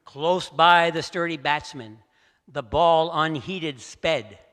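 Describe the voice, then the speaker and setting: A male storyteller giving a theatrical poetry recitation, swinging from hushed lines to loud outbursts in a large assembly hall. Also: fairly high pitch, slow. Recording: echoey hall.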